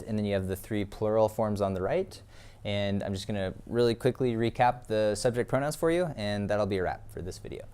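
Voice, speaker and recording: Male Spanish teacher, lowish smooth voice, patient classroom delivery with frequent fillers. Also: mellow. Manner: explains patiently, many ums and uhs. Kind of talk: classroom lesson.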